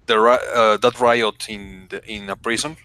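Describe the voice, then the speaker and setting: A man's voice: on the low side, steady tone, normal speed, sharp tone. A man chatting on a casual podcast, chiming in with brief, hesitant remarks. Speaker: podcast co-host. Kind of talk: casual chat.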